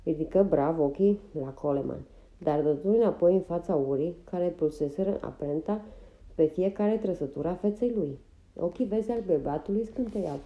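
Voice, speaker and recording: A woman narrating a novel as an audiobook in a steady, even reading manner. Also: on the low side, lo-fi sound. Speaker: audiobook reader.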